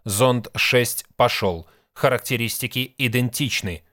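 A man voicing a loud, slow, monotone ship's computer. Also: mid-range voice, no room sound, clean studio sound, close to an everyday voice. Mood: monotone report. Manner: monotone, mechanical, measured. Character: monotone male ship's computer, mechanical and flat. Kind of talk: audiobook reading.

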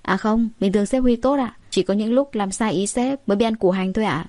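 A woman's voice: mid-range voice, brisk, a little mellow, no echo, lightly acted. Woman narrator playing a polite young driver, joking and deferential.

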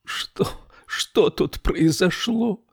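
A man voicing a distraught young woman in an audiobook, in a high, tearful and pleading voice. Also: animated, measured pace, a bit bright, dry recording, clean studio sound. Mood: grieving.

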